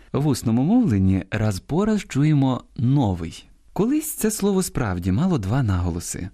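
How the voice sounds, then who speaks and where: A man presenting a scripted radio program on language, slowly and deliberately pronouncing example words. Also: on the low side, dark tone.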